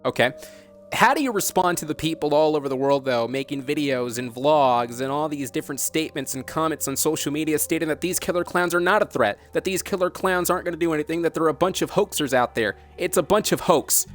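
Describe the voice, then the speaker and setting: Over background music, a broadcaster interviewing someone by phone speaks in a slightly high voice at a fairly quick pace. He is earnest and insistent, keeping his form polite but sounding reproachful as he pushes long, challenging questions.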